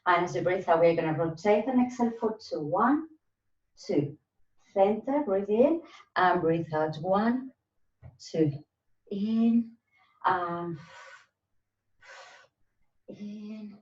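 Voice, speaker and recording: A woman's voice: medium pitch, slow pace, pauses often, a little mellow. A woman instructing a live Pilates class, counting breaths and movements aloud in short, spaced cues. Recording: roomy echo, distant mic, slightly dull sound.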